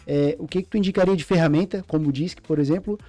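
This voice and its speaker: A man's voice: a little high, quick pace, dark tone, no room sound. A man hosting a podcast, casual and joking, asking long, winding questions. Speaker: podcast host.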